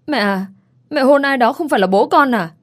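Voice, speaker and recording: A woman's voice: sits high, lively intonation, fairly quick, pitched above the performer's own voice. A woman voicing a frightened little girl who sounds hurt and pleading. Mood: tearful pleading. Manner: pleading and plaintive.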